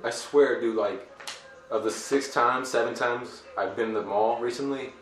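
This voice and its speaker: A man's voice: mid-range voice, steady tone, moderate pace, a bit bright. A young man with a middling voice rambles and laughs in casual talk with friends. His voice carries from a distance in a roomy, echoing space. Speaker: retail worker. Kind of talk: casual chat among friends.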